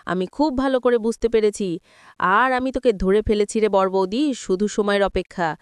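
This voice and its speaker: A woman's voice: mid-range voice, fairly even intonation, normal speed, clear, resonant tone, no room sound, clean studio sound, close to an everyday voice. A woman voicing a spirited, dutiful young woman in a storybook retelling of a TV serial, teasing and affectionate in her talk. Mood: determined.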